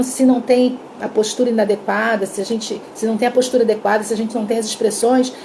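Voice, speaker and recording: A Brazilian-accented woman teaches communication in a live online class, her slightly high voice mellow and soft-edged. She talks with lively energy and acts out little sample dialogues, though her throat is dry. A faint hiss sits in the background. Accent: Brazilian Portuguese. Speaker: communication coach.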